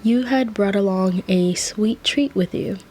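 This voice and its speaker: A woman's voice: mid-range voice, unhurried, warm tone. A woman narrating a fan fiction story as whispered role-play, casual with chatty asides.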